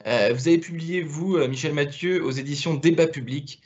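A man's voice: a little high, moderate pace, a little mellow, highs cut off. A man hosting a video-call interview, hesitant and full of fillers and repeated words. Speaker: interview host.

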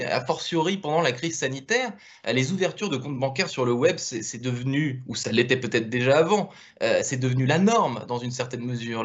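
A man's voice: medium pitch, highs cut off. A man hosting a business interview over a video call, asking questions with many hesitations and restarts. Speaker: interviewer, show host.

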